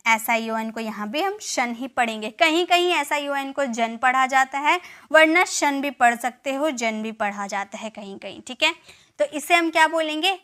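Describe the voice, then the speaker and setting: In a classroom-style lesson, a woman with a fairly high, bright, forceful voice teaches English spelling, addressing viewers directly. She goes letter by letter through each word, repeats it, and regularly checks in with learners.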